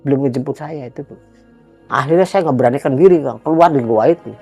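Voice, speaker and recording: Animated male storyteller. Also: mid-range voice, fast talker, breathy edge, soft background music. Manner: emphatic, swings between loud outbursts and hushed murmurs. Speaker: guest recounting a personal experience.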